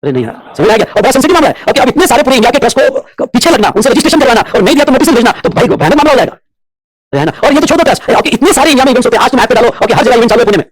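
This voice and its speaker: A man lecturing students on tax law at a breakneck clip. His voice sits high and sounds husky, with a dry, close sound. He keeps stopping to ask whether the class has understood. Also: big pitch swings, no echo. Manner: rapid mix of Hindi and English, constantly checking whether students follow. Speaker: commerce teacher.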